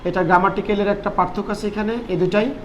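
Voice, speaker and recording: A man's voice: sits high, flat delivery, fast, a bit bright, slight background noise. A man with a Bangladeshi accent teaching a spoken English lesson, repeating phrases and asking and answering his own questions.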